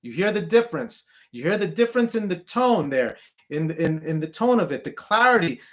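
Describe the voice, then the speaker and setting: Very animated and brisk, a deep-voiced man leads a singing lesson, tacking "okay?" onto nearly every phrase. Between explanations he sings brief demonstration notes.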